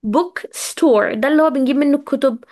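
A woman with an Egyptian Arabic accent teaching English words in a casual live lesson, chatty and talking straight to her students, drawing out words slowly to drill their pronunciation. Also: sits high, darkish tone. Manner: chatty, addresses students directly.

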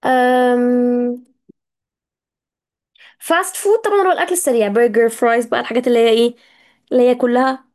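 A woman with an Egyptian Arabic accent teaching English words in a casual live lesson, chatty and talking straight to her students, drawing out words slowly to drill their pronunciation. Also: on the high side, a little mellow. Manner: chatty, addresses students directly.

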